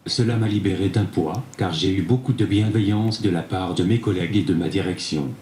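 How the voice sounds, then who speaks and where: Deep synthetic male text-to-speech voice. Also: brisk, mellow. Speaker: interview guest. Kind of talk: prepared answers read by speech synthesis. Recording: echoey room sound with faint noise.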